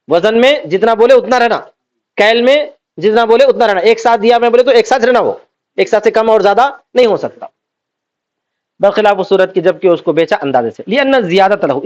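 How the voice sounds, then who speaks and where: A man teaching Islamic law, reading out Arabic text and then explaining it by asking and answering his own questions. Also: high-pitched. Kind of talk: classroom lecture. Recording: dull lo-fi recording.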